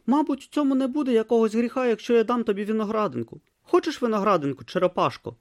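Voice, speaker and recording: A man's voice: high voice, lively intonation, fast, no room sound, studio quality, pitched above the performer's own voice. A man playing a timid, naive young novice monk who speaks earnestly and hesitantly. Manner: earnest, hesitant, wide-eyed.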